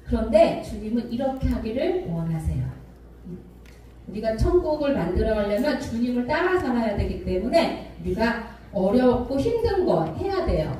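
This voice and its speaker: A woman pastor preaching a sermon, calling for amens and acting out arguing couples in sudden high voices. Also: warm tone, slight background noise. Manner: call-and-response preaching, acting out quarrels. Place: church sanctuary. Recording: echoey church hall, mic at a distance.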